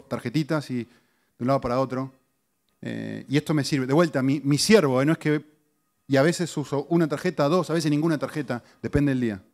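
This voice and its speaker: A middle-aged man, a pastor giving a conversational sermon to his congregation with lively rises in pitch and asides to the listeners. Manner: conversational teaching, animated pitch swings, audience asides.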